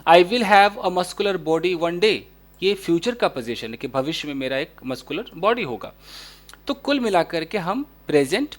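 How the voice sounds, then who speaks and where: A man teaching English grammar in a casual explaining style, reading example sentences slowly and deliberately. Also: a little high, fairly bright tone. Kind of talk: spoken English lesson in Hindi.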